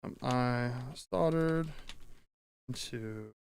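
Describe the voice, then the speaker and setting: He talks extremely slowly in a mid-range voice with vocal fry, and slight background noise can be heard. A streamer who tinkers with audio, he chats casually while repairing gear on a livestream, rambling, interrupting himself and swearing offhandedly as he thinks aloud.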